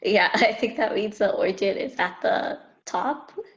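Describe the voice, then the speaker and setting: A woman's voice: mid-range voice, expressive, moderate pace, highs cut off. A teenage girl answering a tutor's questions over a video call, hesitant and tentative. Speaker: student.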